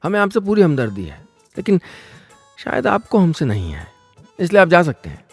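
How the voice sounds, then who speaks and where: A man's voice: huge pitch swings, moderate pace, slightly rough, dry recording, soft background music, heavily acted. A man voicing a pompous male job interviewer who lectures and mocks, slipping into English phrases. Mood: condescending. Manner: lecturing, mixes English phrases, swings pitch for effect.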